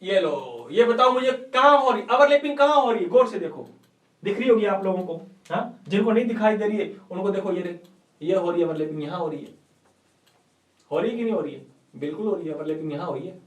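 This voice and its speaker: A male chemistry teacher lectures an online class in a playful, coaxing way, quizzing students with rhetorical questions, calling them "beta ji," and using folksy sayings. His high-sitting voice is animated, a little fast and a little mellow, picked up by a distant mic in an echoey room.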